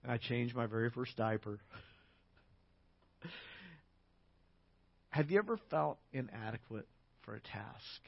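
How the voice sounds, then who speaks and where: A man preaching a storytelling sermon as pastor, talking conversationally with little anecdotes and fillers, then building up to louder emphatic passages. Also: medium pitch, lively intonation, unhurried, vocal fry, long pauses, no room sound, highs cut off.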